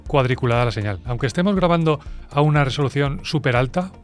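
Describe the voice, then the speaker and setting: A man's voice: medium pitch, lively intonation. A man from Spain who works as a music producer, explaining sound and recording in a chatty, direct way to his viewers. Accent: Spain Spanish. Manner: brisk, chatty and explanatory, speaking straight to viewers. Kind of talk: explainer video.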